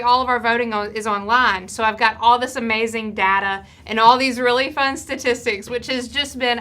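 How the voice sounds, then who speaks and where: A woman's voice: on the high side, pushed and bright. A woman guest on a live stream, chatting with enthusiasm about voting data, with many fillers. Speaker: festival vote counter and guest. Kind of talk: casual live-stream chat.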